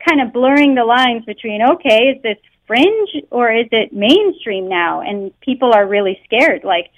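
A Canadian-accented woman with a fairly high voice and lively intonation speaks at a normal pace, earnestly and often with "um" or "you know." She's a guest researcher in a phone interview, caught on a dry, muffled telephone recording.

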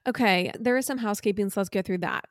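A woman's voice: fast talker, no room sound, clean studio sound. Chatty enthusiastic woman podcast host. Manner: chatty, enthusiastic product pitching. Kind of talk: casual podcast chat.

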